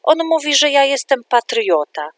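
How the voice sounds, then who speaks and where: A woman voicing an excited little preschool boy in a read-aloud storybook, high and loud. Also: slow pace, no room sound. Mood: complaining.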